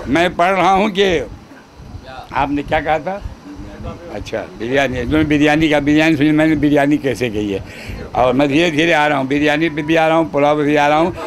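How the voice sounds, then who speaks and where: A man's voice: high-pitched, creaky, a bit bright. A man reciting devotional poetry at a shrine gathering, repeating each couplet and chatting with the audience between verses.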